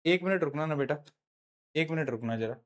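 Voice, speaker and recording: A man's voice: fairly high pitch, brisk. A man teaching a live online science class in Hindi, chatty and teasing his students, slipping into English terms.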